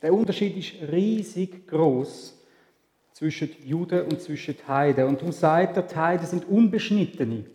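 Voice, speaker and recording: A man's voice: fairly high pitch, normal speed, dark tone. A man with a Swiss German accent preaching a sermon in a conversational way, asking rhetorical questions. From Switzerland. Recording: echoey hall with long reverb.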